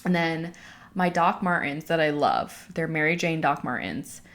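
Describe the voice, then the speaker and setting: A young woman vlogger tells her followers a personal story, casual and candid, in a low, fairly bright voice with lively intonation and a measured pace. She's chatty and out of breath, breathing heavily and leaning hard on "like" as filler.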